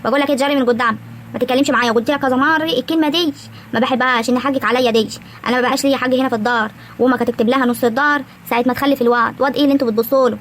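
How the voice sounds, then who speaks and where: A woman acting an older village wife, jealous and indignant, who scolds her husband in an Egyptian rural accent. Her lines pour out quick and high-pitched. A faint hiss sits under the recording. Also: steady tone, lightly acted. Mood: scolding.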